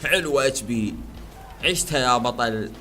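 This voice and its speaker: A man commentating his own gameplay, shouting, chanting and making silly sound effects. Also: mid-range voice, lively intonation, moderate pace, loud music behind the voice. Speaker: gaming video host.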